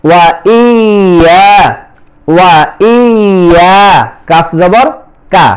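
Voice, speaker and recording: This man, with a Bangladeshi accent, teaches Quran reading slowly by spelling each letter and vowel before repeating the syllables. He has a high-sitting, clear voice with a resonant tone.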